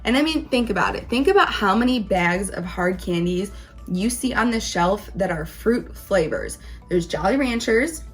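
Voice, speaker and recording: A woman's voice: mid-range voice, animated, normal speed, breathy edge, faint music behind. A woman hosting a casual taste-test vlog, talking informally and emphatically in a rambling, conversational way. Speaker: candy reviewer, video host.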